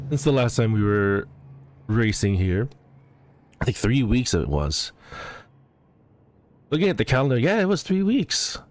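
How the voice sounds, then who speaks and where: Slow-talking male race commentator. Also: mid-range voice, darkish tone. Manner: halting, corrects himself often. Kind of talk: live sim racing commentary.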